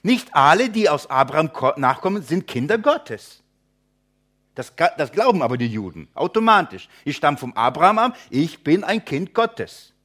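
German-speaking pastor teaching verse by verse. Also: male voice, fairly high pitch, big pitch swings, a bit bright. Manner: rhetorical questions to listeners, addresses them as friends; acts out imagined objectors in quick asides.

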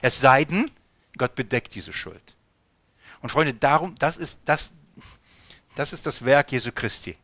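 A man's voice: mid-range voice, lively intonation, a little slow, long pauses, a bit bright, dry recording. A man preaching a conversational sermon, putting questions to his listeners and addressing them as friends.

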